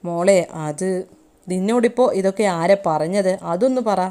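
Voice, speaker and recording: A protective older brother speaks loudly and fast, scolding one moment and soothing the next, as a woman narrator reads his part. The voice stays close to her own, recited rather than acted. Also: medium pitch, clear, resonant tone, natural voice. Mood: worried, defensive. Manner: loud, scolding, quick. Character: protective older brother, angry then coaxing.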